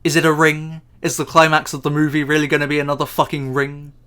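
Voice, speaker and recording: A man's voice: fairly high pitch, completely flat delivery, fast talker, pushed and bright, clean tone. A man ranting about a film in sarcastic, profane, exasperated commentary. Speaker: YouTube commentator.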